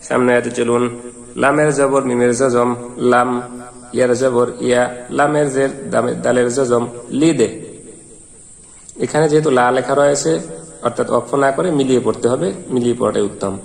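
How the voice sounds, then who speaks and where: A man with a Bangladeshi Bengali accent teaches Quran reading, spelling out each letter and vowel mark before chanting every verse. His medium-pitched, creaky voice is steady and moderately paced, with long pauses, in a long reverberant hall.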